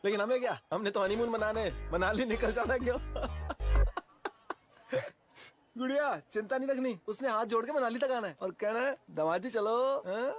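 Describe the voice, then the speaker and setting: A man's voice: very high voice, a little fast, hardly any pauses, soft background music. An actor playing a cocky young male driver who has run off with his boss's daughter, talking in a joking, boastful way. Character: brash young male driver, cheeky eloper. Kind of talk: Hindi film acting. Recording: film audio with background score.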